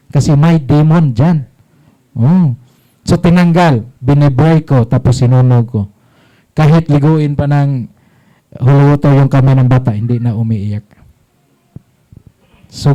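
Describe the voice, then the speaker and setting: Slow priest quizzing his flock. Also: a little high, warm tone, rough recording. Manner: rhetorical questions, short call-and-response phrases. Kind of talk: catechism talk to a congregation.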